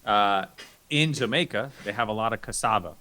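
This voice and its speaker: A man co-hosting a casual podcast, explaining facts in a relaxed way with lots of fillers. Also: on the low side, normal speed. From United States. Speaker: podcast co-host.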